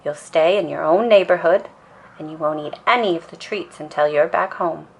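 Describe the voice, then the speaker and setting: A woman's voice: sits low, moderate pace, gravelly, breathy edge, highs cut off, full character voice. A woman voicing a sensible, reassuring mama bear from a storybook, patient and firm as she explains. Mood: firm encouragement.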